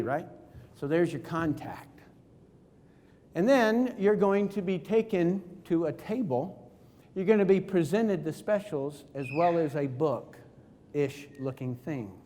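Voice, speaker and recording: High-voiced energetic man in a hall. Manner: energetic, jokey, acts out phone calls. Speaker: network marketing speaker. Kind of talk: motivational seminar talk. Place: conference hall. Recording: reverberant hall.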